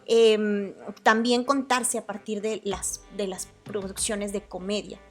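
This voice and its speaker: A woman with a Mexican Spanish accent hosting a solo podcast, talking in a chatty, hedging way and often correcting herself. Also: on the high side. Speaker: podcast host. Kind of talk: casual solo podcast commentary.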